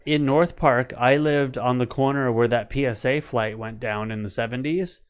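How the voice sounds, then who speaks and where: A man in his forties co-hosting a relaxed live chat from home. He talks in a chatty, meandering way, with a voice of ordinary pitch for a man, and loops from one story into the next. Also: moderate pace, clear, resonant tone. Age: 40s. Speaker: co-host.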